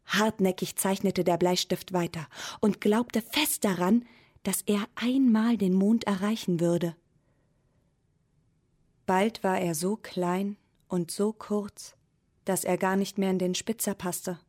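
Slow, breathy woman telling a fairy tale. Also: mid-range voice. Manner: calm, unhurried, expressive reading. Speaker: storyteller. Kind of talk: storybook narration.

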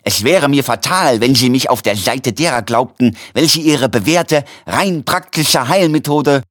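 A man's voice: medium pitch, lively intonation, a little slow, a bit bright, no room sound, studio quality, pitched above the performer's own voice. A man voicing a courteous elderly male doctor who talks in a polite, effusive, formal way. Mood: courtly.

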